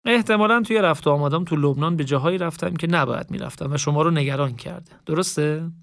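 A man voicing a calm young male student who answers softly and politely in an audiobook. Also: on the high side, no echo, clean studio sound, close to an everyday voice. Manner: calm and soft-spoken, polite.

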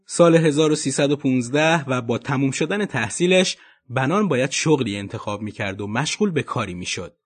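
A man narrating a documentary podcast episode in an expressive storytelling manner. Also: medium pitch.

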